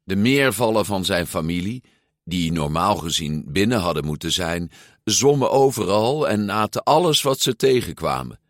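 Low-voiced male audiobook narrator, unhurried, lively intonation, dry close mic. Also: dry recording. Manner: measured, expressive read-aloud. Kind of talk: storybook reading.

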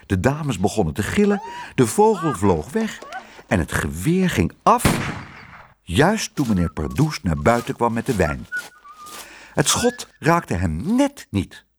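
A man reading a children's book aloud, telling the story in an expressive, animated way. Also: mid-range voice, background noise.

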